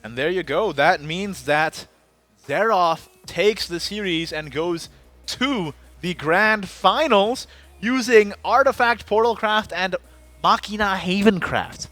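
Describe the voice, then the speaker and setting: A man casting an esports card game live, excitable and quick to shout at big plays. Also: high-pitched, dry recording, soft background music. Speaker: esports caster.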